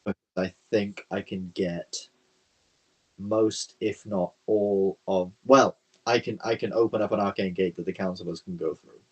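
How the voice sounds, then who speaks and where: A man's voice: low voice, fairly even intonation, a little slow, darkish tone, slightly rough, low-quality recording. A man chatting casually as a player in a tabletop role-playing game. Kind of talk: casual chat.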